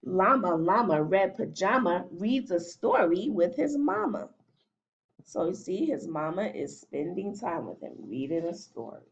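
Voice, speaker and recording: Teacher lady reading a picture book to little kids, slow and sing-songy, muffled audio. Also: fairly low pitch. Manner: animated, asks children questions as she reads. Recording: dull lo-fi recording.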